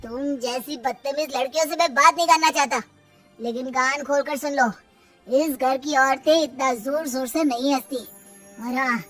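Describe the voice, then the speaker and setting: A woman's voice: sits high, steady tone, normal speed, fairly bright tone, faint music behind. A woman voicing a stern, angry middle-aged uncle-in-law who scolds harshly. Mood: scolding.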